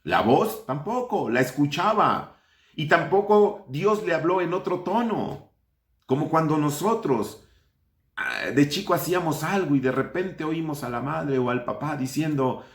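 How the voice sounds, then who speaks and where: Questioning pastor, echoey room. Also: male voice, fairly high pitch, lively intonation, measured pace. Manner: asks the congregation questions, addresses them as brothers. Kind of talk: online Sunday sermon.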